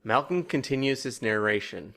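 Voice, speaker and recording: A man's voice: medium pitch, expressive, moderate pace, vocal fry, a bit bright. Wry man recapping with chuckles. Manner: wry, laughs through his own jokes. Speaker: podcast host recapping episodes. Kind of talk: casual podcast recap.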